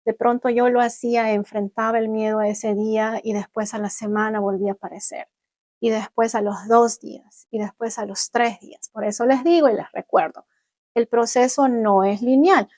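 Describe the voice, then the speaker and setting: A young adult woman vlogging, telling viewers about her own experience in an animated way and acting out what she once said. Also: on the high side, normal speed, dry recording. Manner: animated, acts out her own past words. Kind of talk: personal storytelling to viewers.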